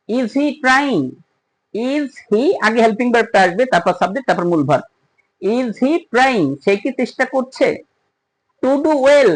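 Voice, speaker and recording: A teacher giving a spoken grammar lesson. The teacher explains step by step, asks the listener questions, and slows down on the example sentences. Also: mid-range voice, rough recording. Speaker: English teacher.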